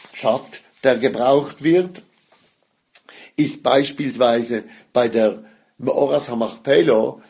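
Gravelly man giving a Torah lecture. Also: mid-range voice, a little mellow. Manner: explanatory, stresses Hebrew words, mixes Hebrew and Yiddish terms. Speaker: rabbi teaching Torah.

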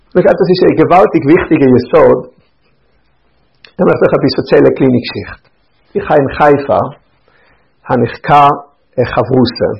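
A man's voice: a little high, vocal fry. A man giving a Torah lecture as a rabbi, explaining step by step and repeating his points with rhetorical questions. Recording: dull lo-fi recording.

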